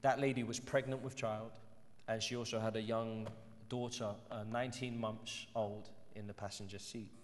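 A man with an English accent preaching a sermon earnestly, climbing to emphatic peaks and then dropping to a soft, low voice. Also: little pitch movement, moderate pace. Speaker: pastor. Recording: church hall reverb.

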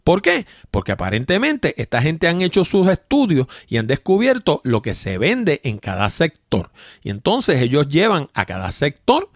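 A man's voice: on the high side, huge pitch swings, normal speed, no echo, clean studio sound. A man hosting a tech podcast, explaining a point at length and stopping now and then to correct himself. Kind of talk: podcast monologue.

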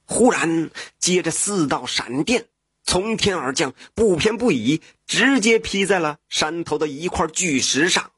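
A man narrating a folk tale in a lively oral storytelling manner, with spoken fillers. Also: fairly high pitch, a little slow, slightly rough.

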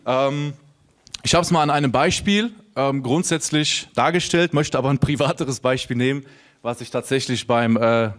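Young guy on a mic at a seminar, super casual, lots of ähm, just chatting and telling stories to the crowd, normal mid voice. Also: mid-range voice. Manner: casual, chatty, many fillers, tells stories to the room. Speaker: seminar speaker. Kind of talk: live seminar talk to an audience. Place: seminar room with a live audience. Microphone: microphone.

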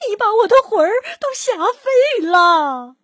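A woman doing a shrill little old lady. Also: expressive, takes it slowly, breathy edge, no room sound, clean studio sound, exaggerated voice. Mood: startled. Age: older. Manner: shrill scolding exclamations. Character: tiny fierce old woman. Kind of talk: storybook read-aloud.

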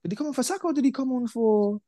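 A young man, co-hosting a casual football chat, animated and repetitive, dropping "bruv" and "bro" constantly. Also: very high-pitched, rapid-fire, no room sound, studio quality. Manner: animated, repeats himself, peppers talk with "bruv" and "bro". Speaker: podcast co-host.

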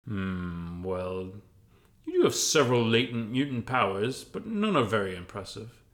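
A man's voice: fairly low pitch, very animated, unhurried. A man voicing an intrusive, sardonic talking hat that reads minds, drawling and dismissive in a scripted parody audio story. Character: intrusive, bored, sardonic telepathic sorting hat.

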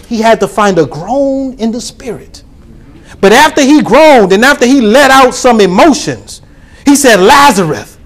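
A pastor preaching a sermon to his congregation, calling for responses and rising to shouts. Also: sits high.

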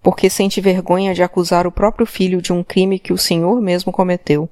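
A woman's voice: lowish voice, little pitch movement, brisk, a little mellow, no echo, clean studio sound, lightly acted. A woman voicing a male police commissioner who presses hard with insistent, repeated commands. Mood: pressing.

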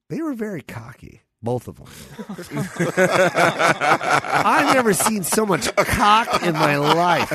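Hoarse, animated man bantering as podcast host. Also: sits high. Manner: animated, repeats phrases for emphasis. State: hoarse voice after many shows. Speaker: podcast host and stand-up comedian.

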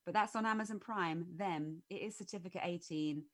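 A woman's voice: on the low side, brisk, fairly bright tone. A woman co-hosting a casual podcast, giving blunt, sweary opinions on a TV series. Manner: blunt and sweary, laughs easily. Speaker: podcast co-host. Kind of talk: casual podcast film review.

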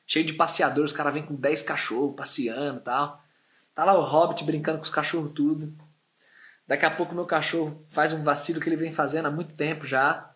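High-voiced animated São man. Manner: animated, slangy, expressive. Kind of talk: casual storytelling testimony.

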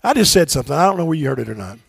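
A man preaching a sermon as pastor in a church, swinging from shouted exhortations to low, quiet asides and leading call-and-response with his congregation. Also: big pitch swings, rapid-fire, gravelly, husky, no room sound, studio quality. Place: church sanctuary.

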